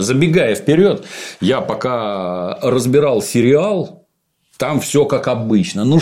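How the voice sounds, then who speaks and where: A middle-aged man with a lowish, dark voice hosts an informal podcast conversation. He delivers his critical review in a blunt, sarcastic way.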